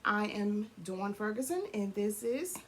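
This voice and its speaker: A woman co-hosting a casual couple's chat, hoarse from losing her voice, talking freely and clearing her throat. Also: mid-range voice, expressive, a little slow, slight background noise. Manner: chatty, laughs often, clears throat. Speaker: co-host of a couple's channel.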